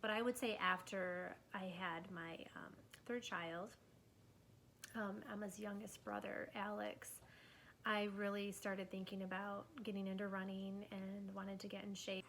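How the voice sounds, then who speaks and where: A woman's voice: mid-range voice, level tone, measured pace, a bit bright, a little hiss or hum. A middle-aged woman, a mother, chatting easily about running, with some laughs. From Michigan. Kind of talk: casual chat on camera.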